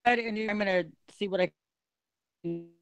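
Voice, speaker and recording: A woman's voice: mid-range voice, unhurried, vocal fry, clear, resonant tone, soft background music. A woman joining a live stream through her phone and headphones. Her call audio breaks up and cuts in and out, and she keeps checking whether she can be heard. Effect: remote call audio breaking up, cutting in and out.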